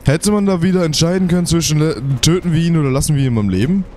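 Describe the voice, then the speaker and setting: A man's voice: a little high, fast, a little mellow, soft background music. A man giving casual, chatty commentary while playing a video game, swearing and thinking aloud. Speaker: let's play host.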